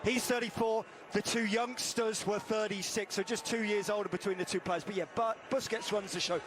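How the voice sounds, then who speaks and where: A man's voice: sits high, steady tone, moderate pace, background noise. A man giving live pre-match football analysis as co-commentator, emphatic and fond of repeating his key phrases.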